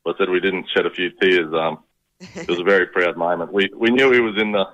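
A man's voice: low-pitched, steady tone, brisk, fairly bright tone. A middle-aged man with a Queensland Australian accent, chatting casually and a little hesitantly as a guest on a radio call. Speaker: radio interview guest, proud father. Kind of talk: casual chat. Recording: dull, band-limited radio call.

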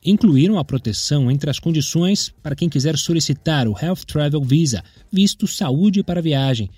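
A man's voice: a little high, lively intonation, moderate pace, a little mellow, breathy edge, no echo. A man with a Brazilian accent reading scripted news narration as a presenter.

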